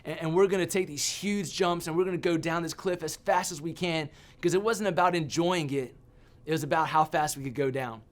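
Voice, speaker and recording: Animated man preaching a story sermon. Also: on the high side, fairly quick, few pauses. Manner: animated storyteller, self-mocking humor. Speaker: youth pastor.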